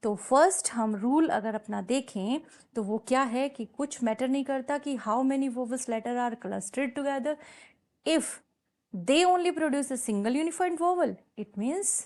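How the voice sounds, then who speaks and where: Slow, high-voiced woman teacher. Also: darkish tone. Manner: mixes Hindi and English, checks understanding with repeated questions; slow, patient, repeats example words syllable by syllable. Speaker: English teacher. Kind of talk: classroom lesson explanation.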